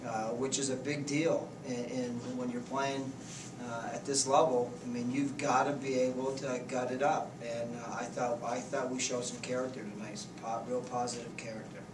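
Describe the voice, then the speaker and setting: A man in his fifties, a head coach giving plainspoken, halting postgame answers at a press conference table. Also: mid-range voice, little pitch movement. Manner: plainspoken, halting, restarts often. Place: press conference room, indoors. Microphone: table mics, heard from a distance. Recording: echoey room, distant mic, noisy.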